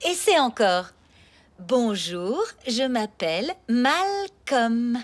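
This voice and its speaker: A woman voicing a cartoon mother who coaxes her son gently and patiently, in a soft, patient way. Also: a little high, very animated, very slow, exaggerated voice. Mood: gentle. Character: Titeuf's mother, gentle, coaxing. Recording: cartoon soundtrack with faint music.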